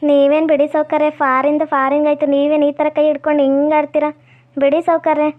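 A young woman with a North Karnataka Kannada accent playing a spirited unmarried village woman who talks back quickly. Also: high-pitched, level tone, close to an everyday voice. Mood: protesting. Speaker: actor in a village skit. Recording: dull lo-fi audio.

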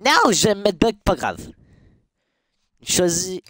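A man's voice: high voice, very animated, slow pace, no room sound. A man, chatting playfully while streaming a game and laughing often. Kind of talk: casual gameplay commentary. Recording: live stream with loud game music.

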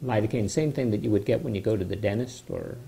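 An older man, a doctor, talking to camera from a home study in a measured, explanatory way with a skeptical edge. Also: fairly low pitch, vocal fry, dark tone. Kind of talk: informal health explainer to camera. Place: home study with bookshelves, indoors.

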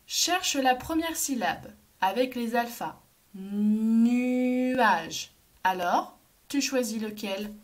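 Woman teacher, very slow, slightly high voice, clearly spelled-out syllables for little kids. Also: expressive. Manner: slow, clearly articulated, encouraging. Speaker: kindergarten teacher. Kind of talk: phonics lesson for young children.

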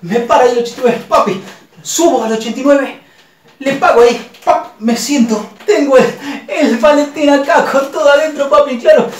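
A high-pitched man with a Rioplatense accent spins a comic story, loud, animated and full of swearing. His voice sounds roomy and set back from the mic, with faint noise behind. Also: fairly quick, distant mic. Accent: Rioplatense Spanish.

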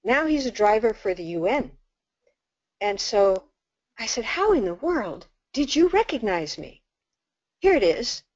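An older woman, a nun, telling a story in a talk as an animated storyteller who acts out the dialogue. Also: a little high, unhurried, long pauses, no echo. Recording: dull lo-fi dry recording.

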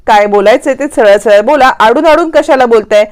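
Cautious young wife, measured and direct, slightly high, as a woman puts her on. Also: natural voice. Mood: wary.

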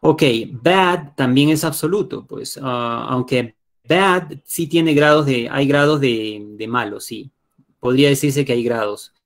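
This man has a mid-range, unhurried voice and a Peruvian Spanish accent. He's an English teacher giving a live online lesson over a computer mic, explaining things patiently step by step and pausing often to make sure his students are following.

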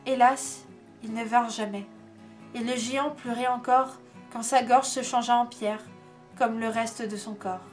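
A woman reading a storybook aloud in an expressive, measured storytelling manner. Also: fairly high pitch. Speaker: reader. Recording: faint background music.

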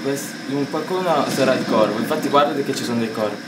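An Italian man giving a player bossy, excitable directions while commenting on a game. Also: mid-range voice, brisk. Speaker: co-host guiding the player. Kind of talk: casual gameplay commentary. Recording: echoey room, distant mic, noisy.

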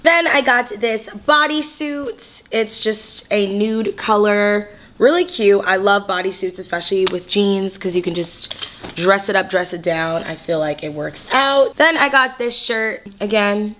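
A woman's voice: mid-range voice, steady tone, measured pace, fairly bright tone. A young woman in her twenties from California, chatting in a bubbly, slangy way through a clothing haul vlog. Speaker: fashion vlogger.

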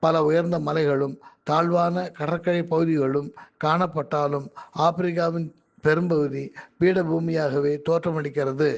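A man reading his own magazine articles aloud in a measured, careful way. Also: on the high side, fairly even intonation, vocal fry, muffled recording.

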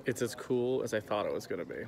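A young adult man with a fairly low, expressive voice talks fast as he records a road-trip vlog on a phone camera held at arm's length. Outdoors on windy open land, with wind and a crowd in the background, he's casual, easygoing and enthusiastic, adding voice-over.

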